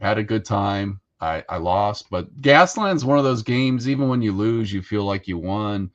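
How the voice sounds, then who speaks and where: Low-voiced guy co-hosting a hobby podcast, laid-back and rambly, kinda muffled lo-fi sound. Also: normal speed. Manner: relaxed, rambling with frequent fillers. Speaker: co-host. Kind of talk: casual hobby podcast chat.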